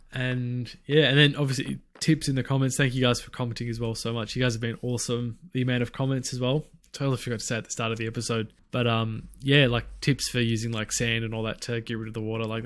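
A man's voice: mid-range voice, slight background noise. Rambling man narrating gameplay. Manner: rambling, chatty, thinks aloud with frequent restarts. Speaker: gaming channel host. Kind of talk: casual let's-play commentary.

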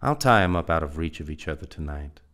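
Gruff, stubborn backwoods trail man with a low voice and folksy drawl, read by a man. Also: expressive, fast talker, fairly bright tone. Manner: folksy backwoods drawl, hot-tempered outbursts. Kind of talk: dramatic reading.

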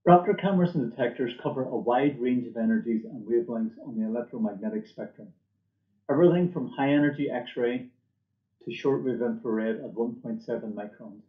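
A middle-aged man speaks fairly quickly in a mid-range voice while giving a scripted product presentation for his company from a desk indoors. He is visible on webcam in an indoor room, and the recording sounds muffled, dull, and echoey.

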